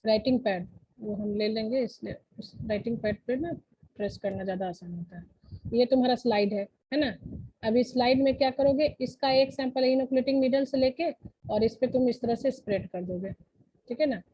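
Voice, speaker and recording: A woman's voice: on the high side, fairly quick, dark tone, breathy edge, no echo, rough recording. A woman teacher giving a lesson in an online class, explaining step by step and often asking the students whether they follow. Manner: explains step by step, asks checking questions.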